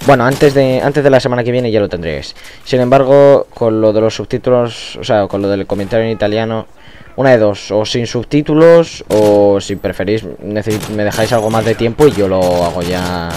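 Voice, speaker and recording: A man's voice: on the low side, a little mellow, slight background noise. A man with a Spain Spanish accent giving casual gameplay commentary, rambling with frequent restarts and fillers. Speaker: gaming YouTuber.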